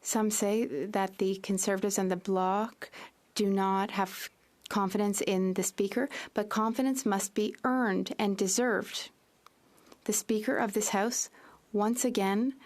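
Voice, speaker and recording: A woman giving a live interpretation of a parliamentary debate speech in a measured, formal way. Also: mid-range voice, fairly even intonation.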